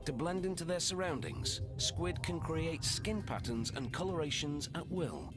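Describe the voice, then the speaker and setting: A man's voice: a little high, expressive, unhurried. Dramatic male nature documentary narrator over music. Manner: dramatic, suspenseful delivery. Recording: music bed behind the voice. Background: loud background music.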